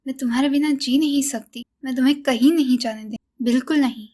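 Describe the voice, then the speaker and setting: A woman's voice: high-pitched, fairly quick, dark tone. A woman voicing an older, protective woman who worries about her partner, read in an earnest recap tone.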